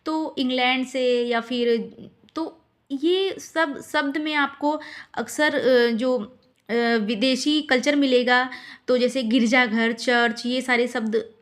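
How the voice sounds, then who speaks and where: A woman from India teaches difficult English words to exam students, patiently repeating each word and its meaning and spelling it letter by letter, with frequent pauses and fillers. Her voice is high, a bit bright, and steady in tone.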